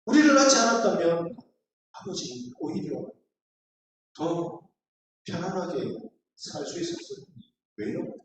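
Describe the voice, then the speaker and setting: A high, animated male voice preaches in a large echoey church, heard from a distance. He tells stories earnestly and presses them into emphatic questions. Faint room ambience hangs behind him. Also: a little slow, long pauses, background noise. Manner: earnest storytelling, rising to emphatic appeals. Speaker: pastor. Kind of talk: sermon. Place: church sanctuary.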